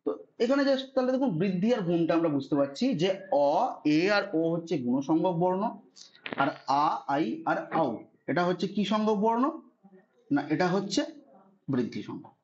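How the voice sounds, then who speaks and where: A man's voice: sits high, very animated, moderate pace, darkish tone, muffled recording. A man teaching a Sanskrit grammar lesson online, patiently spelling out rules and often checking that students follow. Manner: patient, repeats "ঠিক আছে" to check understanding.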